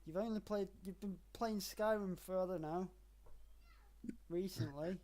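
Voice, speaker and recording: Guy on a podcast, swears a lot, mumbles off quiet, mellow voice. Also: high voice, a little slow. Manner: sweary, trails off into quiet asides. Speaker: podcast co-host. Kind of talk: casual banter.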